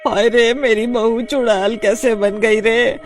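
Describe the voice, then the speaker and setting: A man's voice: on the high side, measured pace, soft background music. A man voicing a fussy, nagging old mother-in-law in a cartoon story, whiny and easily frightened.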